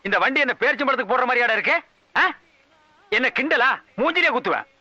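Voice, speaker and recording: An actor playing a bossy, short-tempered middle-aged troupe leader in a 1980s film comedy, loud and sarcastic. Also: male voice, very high-pitched, animated, fast talker, no room sound, dull audio, full character voice. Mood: scolding. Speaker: leader of a folk dance troupe.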